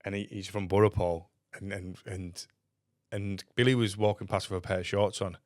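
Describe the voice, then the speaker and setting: A man's voice: sits low, steady tone, normal speed, darkish tone, no room sound, studio quality. A man, co-hosting a comedy podcast and telling rambling, crude anecdotes in casual chat. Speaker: podcast co-host. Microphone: desk mic.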